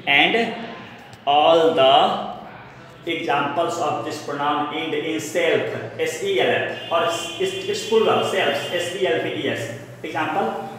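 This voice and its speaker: A man's voice: on the high side, slow, fairly bright tone. Indian man teaching grammar, echoey room. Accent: Indian English. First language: Hindi. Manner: repeats terms, spells words aloud, explains in Hindi. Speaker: English teacher. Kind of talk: classroom grammar lesson. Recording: echoey room with long reverb, faint noise.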